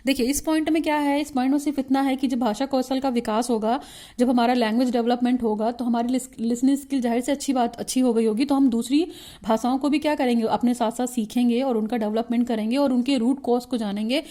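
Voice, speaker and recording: A woman with an Indian accent giving an explanatory lecture as a teacher. She reads points out slowly in English, then explains them and keeps checking in with her listeners. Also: a little high, steady tone, warm tone.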